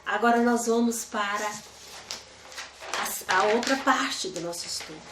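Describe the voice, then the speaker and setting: A woman's voice: mid-range voice, unhurried, reverberant, background noise. A woman teaching a Bible study lesson in a conversational way, often asking her listeners rhetorical questions.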